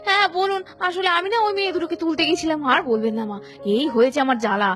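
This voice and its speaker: A woman narrating a cartoon and voicing a busy mother, hurried and chiding. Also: extremely high pitch, animated, a bit bright. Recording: cartoon audio with faint music.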